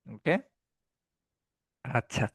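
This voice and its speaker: A man with a Bangladeshi accent teaching a spoken English lesson in an online class, explaining patiently and often checking with the students. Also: drawn-out words.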